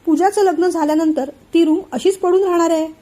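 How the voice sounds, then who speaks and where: Woman reading as caring middle-aged mother, gentle, questioning, high mellow voice, storybook. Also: steady tone, fairly quick. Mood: puzzled.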